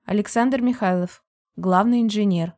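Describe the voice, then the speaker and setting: A woman's voice: mid-range voice, normal speed, darkish tone, lightly acted. A woman reading an audiobook voices a friendly man in his forties, a chief engineer who speaks politely and in a businesslike way. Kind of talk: audiobook character voice.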